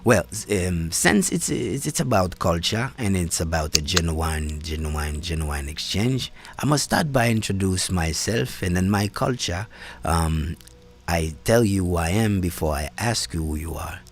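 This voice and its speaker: A man hosting a live-stream conversation over a call. He talks in a halting way, repeating words and restarting often. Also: deep voice. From Haiti. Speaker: host and community organizer. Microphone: phone or call setup.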